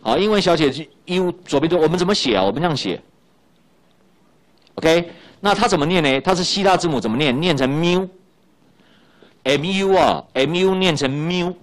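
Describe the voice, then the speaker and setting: A middle-aged man lectures on high school physics in Mandarin with a Taiwanese accent, expressive and moderately paced, leaving long pauses. The recording captures his talkative style, full of little tag fillers and repeated key points.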